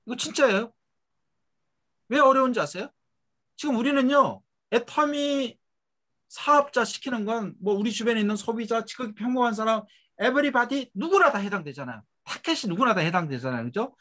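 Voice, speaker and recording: Middle-aged guy doing a motivational business seminar, talks fast, pitch jumps all over, emphatic, trails off quiet at the ends. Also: animated. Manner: emphatic, rhetorical questions, tags trailing off low and quiet. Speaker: network marketing speaker.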